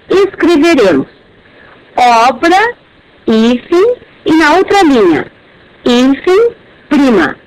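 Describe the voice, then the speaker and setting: Slow, lively-pitched teacher voice. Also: a little hiss or hum, rough recording. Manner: deliberate, spells out syllables one by one. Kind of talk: slow dictated grammar lesson.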